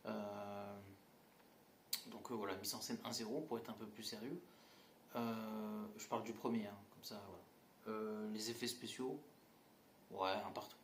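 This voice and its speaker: A male movie reviewer gives casual spoken film critique in a fairly low, steady voice at a measured pace, pausing often. He's blunt and mocking, tossing in scornful asides along with plenty of fillers and restarts, and the room has a roomy echo with faint background noise.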